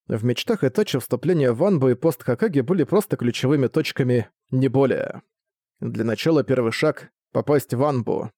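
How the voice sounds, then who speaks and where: A man narrating a novel as an audiobook in a calm, even storytelling manner. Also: medium pitch, no room sound, clean studio sound. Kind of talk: scripted narration.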